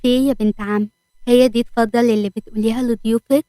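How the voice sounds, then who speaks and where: A woman's voice: a little high, fairly even intonation, racing, warm tone, no echo, natural voice. A woman with an Egyptian accent voicing a scheming young male cousin who talks smugly and teasingly. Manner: smug, teasing.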